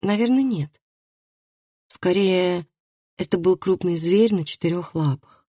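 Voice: mid-range voice, a little slow, no room sound, studio quality, voice pushed up, lightly acted. A reader voicing a timid, whispering young woman. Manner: hushed, half-whispered. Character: shy, timid young woman, a farmer's daughter.

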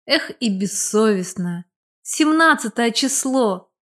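A woman's voice: on the high side, moderate pace, close to an everyday voice. A woman reading the part of a confident, playful young man in an audiobook, speaking with joking bossiness. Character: young man, cheerful, confident, teasing old friend. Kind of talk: audiobook character voice.

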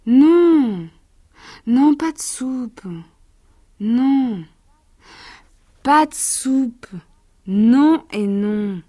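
A woman acts out a stubborn little storybook boy who flatly refuses his soup. He shouts his refusals at a pitch far above her own voice. Each repeat gets shriller and more defiant. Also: very slow, long pauses, exaggerated voice.

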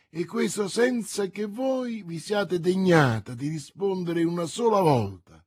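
A man's voice: on the high side, darkish tone, husky, no echo, studio quality. A man voicing a vain, boastful musketeer who declaims grandly and pities himself. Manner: pompous, theatrical declaiming.

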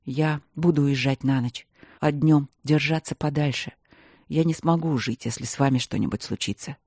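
A narrator putting on a hoarse, growling baron who is half bear, speaking slowly and low from deep in the chest. His voice is dark and dry. Every word sounds dragged out under strain. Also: no echo. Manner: slow, strained, barely holding himself back. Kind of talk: audiobook reading.

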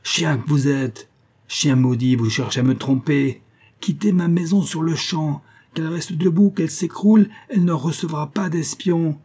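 A man's voice: a little high, normal speed, mellow, husky, pitched above the performer's own voice. A man voicing an old, wild-haired innkeeper woman who shrieks threats in a fury. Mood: furious.

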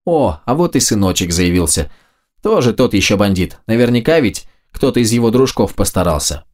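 A spiteful old landlady shrieks and hisses her accusations in a raised, strained voice, put on by a man reading the audiobook. Her tone is sharp and nagging throughout, far higher than a low male narrator's own voice. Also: expressive, moderate pace. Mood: shrill accusing.

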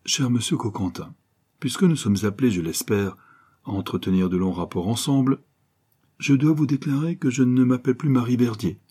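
A man's voice: medium pitch, moderate pace, warm tone, breathy edge, pitched above the performer's own voice, lightly acted. A man voicing a scheming adventuress who talks in an insistent, theatrical, accusing way. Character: scheming adventuress, sharp and menacing woman.

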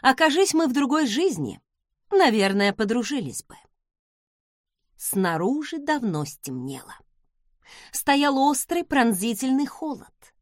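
A woman narrating a first-person novel aloud with expressive, lively delivery. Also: high-pitched, measured pace, long pauses, no room sound, studio quality. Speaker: audiobook reader.

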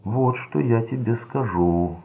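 A man voicing an unstable young gangster son who speaks in a slow, sulky, menacing way. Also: mid-range voice, breathy edge, voice pushed up. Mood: sullen. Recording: tinny lo-fi narrow-band audio.

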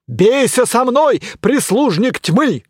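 A man voicing a pompous, blustering knight who shouts grand challenges and whose voice cracks high. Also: very animated, takes it slowly, husky, no echo, clean studio sound, heavily acted. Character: pompous blustering knight, shrill, easily flustered.

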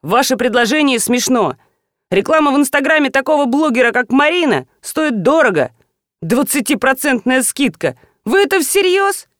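A woman plays a sharp-witted young man who scoffs at an offer. The delivery leaps up and down, in a dry close recording. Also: extremely high pitch, big pitch swings, moderate pace, no room sound, pitched above the performer's own voice, full character voice. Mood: scornful. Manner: mocking, skeptical.

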